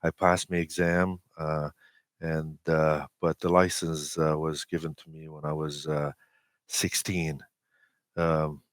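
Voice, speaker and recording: This interview guest is a Romanian man in his forties, a native speaker with a Romanian accent who works as an amateur radio operator. He recounts personal stories haltingly, pausing often, in a rumbling low voice with little pitch movement, captured in a dry, clean studio recording.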